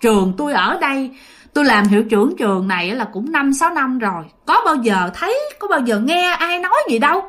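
A woman's voice: high-pitched, animated, fairly quick, fairly bright tone. A woman voicing a stubborn male school principal who firmly denies any ghosts. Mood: dismissive. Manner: dismissive, firm.

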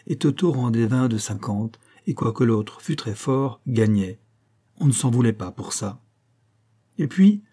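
A man narrating an audiobook in a measured, even storytelling manner. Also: mid-range voice. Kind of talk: scripted narration.

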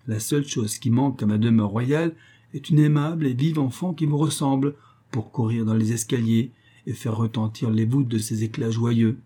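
A man's voice: medium pitch, moderate pace, dark tone, lightly acted. A man voicing a boastful underworld king. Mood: stern. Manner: coaxing, boastful, persuasive. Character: smooth, possessive male king of the underworld. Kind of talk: storybook reading.

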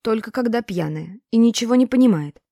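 A woman's voice: mid-range voice, brisk, darkish tone, dry recording, clean studio sound, lightly acted. A woman voicing a stubborn, hurt young boy who talks earnestly and defensively in an audiobook. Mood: pleading.

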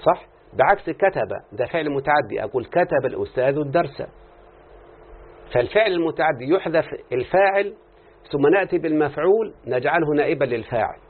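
Animated and a little fast, a man with a high, breathy voice and an Egyptian Arabic accent teaches Arabic morphology. He explains a text while continually posing short questions to students, recorded in tinny, phone-like lo-fi.

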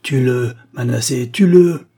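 A man's voice: lowish voice, monotone, unhurried, slightly rough. A man voicing a spiteful old miser's wife with a sour, shrieking voice. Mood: shrieking, vicious.

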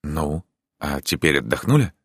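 A man's voice: very deep voice, expressive, moderate pace, fairly bright tone, dry recording, studio quality, full character voice. A man reading a troubled, formal prince. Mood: probing. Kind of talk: audiobook character reading.

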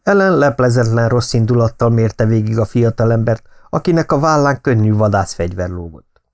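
Calm male audiobook narrator. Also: medium pitch. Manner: calm, measured storytelling. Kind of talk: scripted narration.

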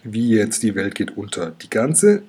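A man voicing a rambling, hesitant old grandpa dragon in a storybook reading, with a very husky voice. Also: lowish voice, big pitch swings, a little slow, warm tone, full character voice. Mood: puzzled.

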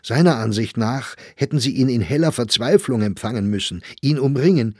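A man narrating an audiobook in a measured, deliberate reading. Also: mid-range voice, lively intonation, darkish tone, slightly rough, dry recording, studio quality. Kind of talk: scripted narration.

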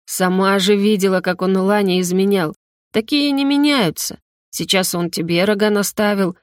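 A brash young man with a crude, mocking way of talking, voiced by a woman reading an audiobook. The voice sits at an ordinary middle pitch, in a dry recording with no room sound. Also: normal speed, no echo, lightly acted.

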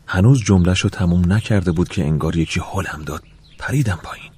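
Very deep husky male audiobook narrator. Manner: soft, reflective, wistful telling. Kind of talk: first-person storytelling narration.

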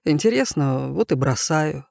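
A man's voice: fairly high pitch, expressive, measured pace, gravelly, darkish tone, no room sound, full character voice. A man voicing an earnest young inventor in a storybook reading, slightly raised and explaining carefully, with a dry close sound. He sounds thoughtful and sincere.

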